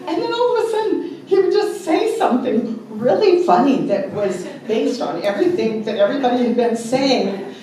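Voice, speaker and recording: Woman, family tribute speaker, unhurried storyteller, heard from afar in a very echoey hall. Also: high-pitched. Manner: chatty storyteller, joke-telling. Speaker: family member giving a tribute. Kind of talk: anecdotal memorial speech. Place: memorial gathering in a large room. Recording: very echoey hall, mic far off.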